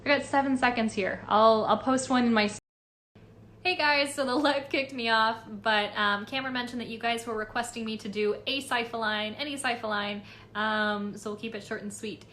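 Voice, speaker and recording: On a live stream, a young voice actress from Los Angeles reads fan comments out loud and answers them casually with plenty of fillers. Her pitch is fairly high and her tone steady and fairly bright, at a moderate pace, with slight background noise.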